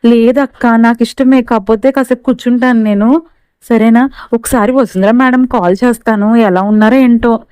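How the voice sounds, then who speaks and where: A woman's voice: on the high side, steady tone, moderate pace, a little mellow, clear, resonant tone, no echo, close to an everyday voice. A woman voicing a loyal young housemaid who speaks deferentially. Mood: worried.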